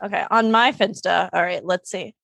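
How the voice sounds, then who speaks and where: A young adult woman co-hosting a podcast in casual, comedic chat, blunt and dramatic and quick to swear. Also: on the low side, creaky, fairly bright tone, no echo. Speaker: podcast co-host.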